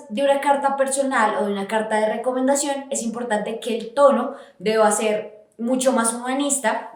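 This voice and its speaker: A woman's voice: a little high, a little mellow. A woman giving an educational podcast lesson on writing, explaining step by step with frequent restarts. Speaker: writing instructor. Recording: very echoey room.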